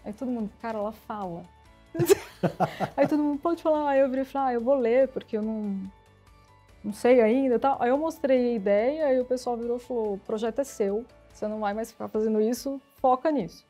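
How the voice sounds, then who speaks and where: Lively woman telling stories. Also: fairly high pitch, fairly quick, faint music behind. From São Paulo, Brazil. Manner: lively storyteller acting out quoted dialogue. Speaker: interview guest, IT executive. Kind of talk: casual storytelling interview.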